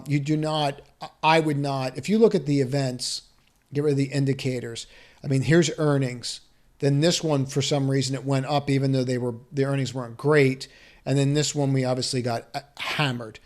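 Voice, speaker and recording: Speaking in a mid-range, slightly mellow voice, a stock market analyst works through charts on a screen share. He muses out loud, restarts sentences, poses rhetorical questions and keeps his advice cautious.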